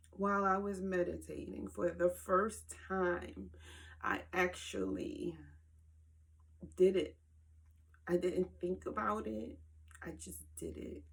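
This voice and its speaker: A woman speaking slowly and earnestly in a personal vlog, emotional and near tears, repeating words for emphasis, filmed on her own camera at home. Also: mid-range voice, vocal fry. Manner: slow, heartfelt, emphatic repetition. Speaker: vlogger. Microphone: handheld camera.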